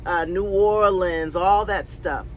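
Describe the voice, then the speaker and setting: Her pitch fairly low and her delivery unhurried, a woman in her fifties from Connecticut answers viewer questions for her van-life vlog in a rambling, restart-heavy way, full of fillers. She's in or near her RV, on a low-quality recording with slight background noise.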